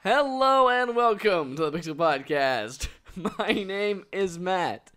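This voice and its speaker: A man's voice: high voice, animated, slow pace, fairly bright tone, soft background music. A man hosting a casual gaming podcast, joking and laughing often. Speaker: podcast host. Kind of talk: casual chat.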